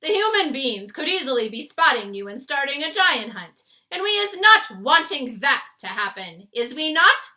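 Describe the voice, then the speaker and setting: A woman voicing a huge, menacing, bullying male giant in a storybook, booming and taunting with mangled folksy grammar. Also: sing-song, moderate pace, few pauses, pushed and bright, heavily acted. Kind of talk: storybook read-aloud character voice.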